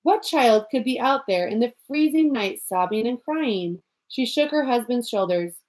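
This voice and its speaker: A woman narrating a storybook in a measured, expressive amateur reading. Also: fairly high pitch, low-quality recording. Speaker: audiobook reader.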